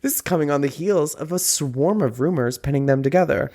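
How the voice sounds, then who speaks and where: A man's voice: a little high, fairly quick, warm tone. A man hosting a podcast in a casual, joking way, laughing often. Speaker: podcast host.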